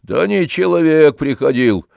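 Man doing a gruff stubborn old manservant. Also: fairly high pitch, expressive, unhurried, darkish tone, no room sound, studio quality, voice pushed up, exaggerated voice. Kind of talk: audiobook reading.

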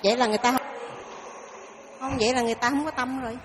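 Insistent high-voiced woman student. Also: fairly even intonation, rapid-fire, background noise. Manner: insistent, argumentative. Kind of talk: questioning the teacher in class.

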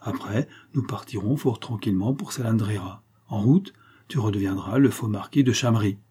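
A sly, scheming male accomplice who mocks and jokes with easy confidence, as a man reads him in an audiobook. The voice is warm and low in brightness, with a husky grain. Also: normal speed. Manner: mocking, easygoing. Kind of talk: audiobook character reading.

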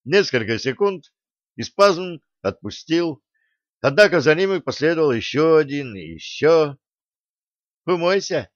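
A man reading a story aloud as scripted audiobook narration, measured storytelling. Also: fairly high pitch, sing-song, dry recording. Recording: dull dry recording.

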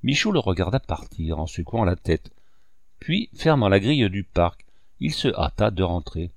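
Male audiobook narrator, expressive, dry close mic. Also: deep voice, moderate pace, vocal fry, no room sound. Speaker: audiobook reader.

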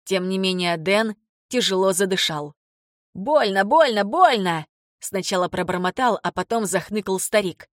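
A woman reading first-person audiobook narration in a steady, measured way. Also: fairly low pitch, no echo, studio quality. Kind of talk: scripted narration.

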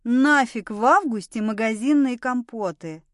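A woman's voice: a little high, a little slow, fairly bright tone, no room sound. Brief: practical, stern woman, read by a woman, dry close sound. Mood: firm. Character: calm, practical woman, stern when needed.

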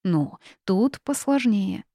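A woman's voice: medium pitch, animated, takes it slowly, dark tone, dry recording, clean studio sound, voice pushed up. A woman voicing an old, bitter, half-mad female witch who cackles and wails in an audiobook. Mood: scornful. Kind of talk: audiobook character reading.

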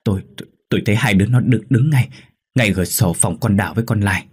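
Vai ông chồng già ở quê, bướng bỉnh, dễ hoảng, người đọc truyện nam thể hiện, giọng trầm. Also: male voice, low-pitched, a little mellow, husky. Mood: terrified. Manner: halting, stammering whispers when terrified. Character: elderly village husband, stubborn, easily frightened.

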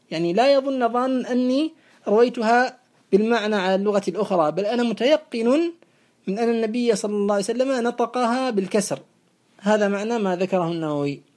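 A woman teaching a classical grammar lesson, explaining in a measured way and reciting verse slowly. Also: a little high, darkish tone.

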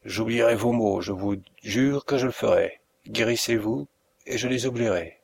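A man voicing a gravely ill detective in an audiobook reading, weak, breathless and pleading, with a gravelly, husky voice. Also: mid-range voice, normal speed, a little mellow, slight background noise, natural voice.

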